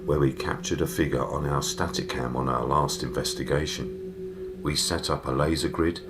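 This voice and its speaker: Male narrator for investigation footage: a very low voice, measured and documentary-like. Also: fairly even intonation, very noisy. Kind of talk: scripted voice-over narration.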